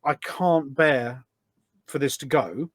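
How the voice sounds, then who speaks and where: Speaking slowly in a medium-pitched, slightly bright voice, a middle-aged man guests on a podcast in a casual conversational interview. The volunteer event organiser goes on at length, explaining through anecdotes, and the studio-quality audio has no echo.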